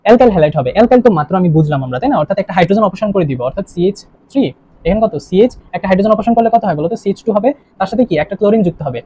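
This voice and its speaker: A young man teaches chemistry at a breakneck clip, firing questions and repeating them back. His voice sits high and mellow. The recording sounds dull and lo-fi, with faint background ambience. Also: expressive, rapid-fire. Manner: quizzing, repeating questions to students. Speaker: chemistry tutor. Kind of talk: online lesson.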